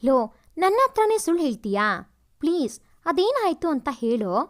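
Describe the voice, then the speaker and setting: A concerned younger sister who pleads and coaxes her brother gently, as a woman storyteller puts her on. Her voice is high and swings up and down. She sounds close and earnest. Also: sing-song, normal speed. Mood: worried. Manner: coaxing, concerned.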